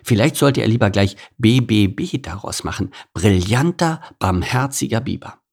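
A man narrating a children's animal story, expressive and playful. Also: on the low side, moderate pace, creaky, slightly rough. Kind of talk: storybook reading.

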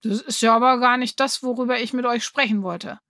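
Woman reading as a cocky boy ringleader, loud, brash, dry close sound. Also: fairly high pitch, fairly even intonation, fairly quick, no echo. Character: swaggering boy gang leader. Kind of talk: audiobook reading.

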